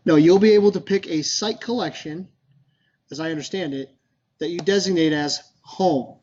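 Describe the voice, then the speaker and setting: Male user-group presenter, chatty and informal, higher pitch, muffled recording. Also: moderate pace, a little mellow, slight background noise. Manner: chatty, loose, many fillers and restarts. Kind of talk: casual presentation to a meetup.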